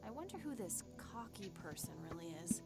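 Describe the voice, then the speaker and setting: A woman voicing an inquisitive young investigator in a game, brisk and matter-of-fact. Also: mid-range voice, sing-song, husky. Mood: curious. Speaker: game protagonist. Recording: game audio with loud music behind.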